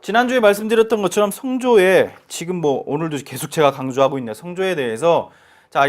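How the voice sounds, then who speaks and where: 남성 중국어 강사, 생동감 있는 억양. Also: male voice. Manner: animated, emphatic, sings pitch demonstrations. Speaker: Chinese language teacher. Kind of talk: televised language lesson.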